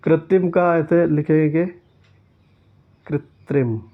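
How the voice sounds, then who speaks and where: A man's voice: fairly high pitch, steady tone, slow. A man teaching an exam-prep lesson who reads each question aloud and then corrects it step by step. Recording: tinny phone-like sound.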